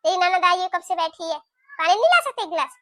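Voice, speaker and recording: A woman voicing a sharp-tongued, nagging middle-aged mother-in-law in a cartoon, talking in a scolding, taunting way. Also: very high voice, sing-song, fast, no echo, studio quality, exaggerated voice. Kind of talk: cartoon voice acting.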